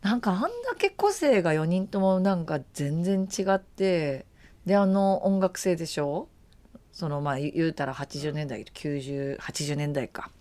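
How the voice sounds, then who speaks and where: Host, a woman with a lowish voice, relaxed and rambling, full of fillers. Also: normal speed. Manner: chatty and rambling, with many fillers and bursts of laughter. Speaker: radio show host. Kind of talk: casual after-show chat.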